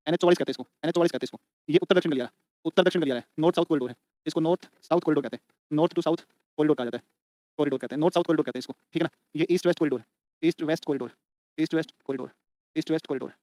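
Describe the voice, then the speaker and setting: A man's voice: a little high, a little mellow, no echo. A man teaching an exam-prep lecture in a colloquial way, repeating each point over and over so students can write it down. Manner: colloquial, addresses students as beta and bhai.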